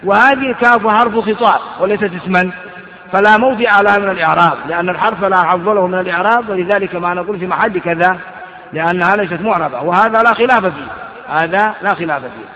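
A man's voice: high voice, fast talker, pushed and bright. A man teaching grammar. He reads a text aloud, then explains it with rhetorical questions. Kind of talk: classroom commentary on a grammar text. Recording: muffled, echoey lecture hall.

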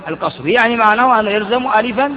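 A man's voice: sits high, lively intonation, very fast. A man teaching Arabic grammar in class, asking questions and answering them himself with frequent restarts. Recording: dull, reverberant hall recording.

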